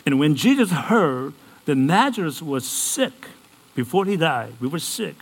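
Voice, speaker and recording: A man delivers a sermon at an unhurried pace, letting his phrases settle. His pitch climbs and falls widely as he keeps putting questions to the congregation. He sits a little high for a man. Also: very animated, gravelly, slightly rough, low-quality recording. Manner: acts out Bible characters in casual modern speech. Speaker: preacher.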